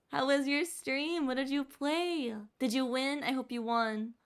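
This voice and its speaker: A woman streamer with a high, clean-toned voice chats casually with her live audience. She sounds bubbly and giggly throughout the livestream chat.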